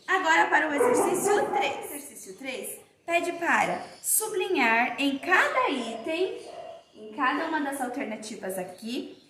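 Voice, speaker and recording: A woman teacher leads a primary school phonics lesson and draws out each word slowly as she dictates. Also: very high-pitched, bright, forceful tone, slight background noise. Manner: slow, drawn-out dictation of words. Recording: very echoey room.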